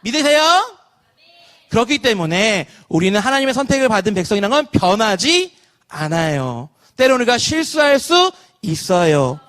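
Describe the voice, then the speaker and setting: Lively thirties man preaching to children. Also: high voice, moderate pace. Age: 30s. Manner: lively, asks children questions and leads call-and-response. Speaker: pastor. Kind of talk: online children's sermon.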